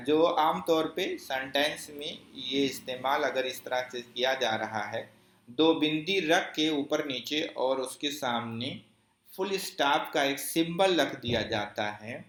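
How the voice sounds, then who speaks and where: Man teaching a slow step-by-step lesson. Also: on the high side, fairly bright tone, roomy sound. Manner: explains step by step, asks questions and answers them; repeats key phrases slowly. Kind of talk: exam-prep grammar lesson.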